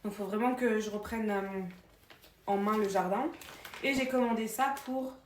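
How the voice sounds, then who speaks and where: A woman's voice: mid-range voice, normal speed. Chatty young woman vlogging at home. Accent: slight foreign accent in French. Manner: chatty, addresses viewers as girls, many fillers. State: postpartum, new mother. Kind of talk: casual chat to camera. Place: at home, indoors. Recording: faint background noise, clicks.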